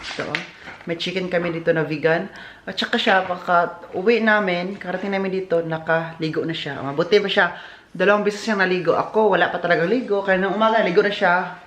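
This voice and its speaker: A woman from the Philippines hosting a casual family vlog, chatty and quick to laugh, filming on a handheld phone. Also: on the low side. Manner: chatty, laughs often, switches languages. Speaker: vlog host. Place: home kitchen and outdoor walk. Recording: roomy sound with loud cooking noise. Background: frying and sizzling.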